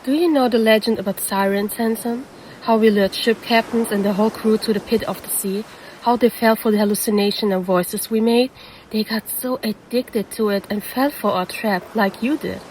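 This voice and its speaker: A woman's voice: mid-range voice, steady tone, normal speed, darkish tone, slight background noise, natural voice, poor audio. A woman voicing a predatory female siren who poses as a lifeguard and teases the listener in an audio roleplay. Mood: teasing, menacing. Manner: teasing, calls the listener handsome.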